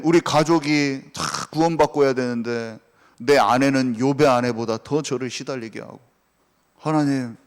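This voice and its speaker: A male pastor preaching a sermon with passion, dropping to a hush and then rising again. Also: medium pitch, in a large hall. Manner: impassioned, swings between hushed and raised.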